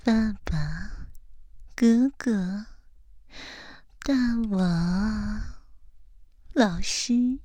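A woman's voice: mid-range voice, extremely slow, long pauses, mellow, no echo. A woman doing an ASMR role-play as a teasing, domineering seductress, speaking breathily and very close, right into the listener's ear. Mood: mocking, teasing.

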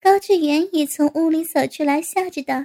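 A woman narrates a story in a steady, even reading. Her voice sits very high. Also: a little fast.

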